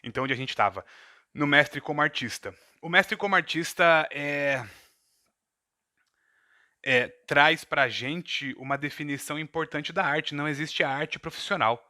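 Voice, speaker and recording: A Brazilian game master with a Brazilian Portuguese accent talks from a home room in front of a camera, picked up by the camera mic, though the sound is clean, studio-like and free of room sound. His voice is a little high, bright and forceful at a moderate pace as he gives a thoughtful, digressive talk to a live chat, full of asides and self-corrections.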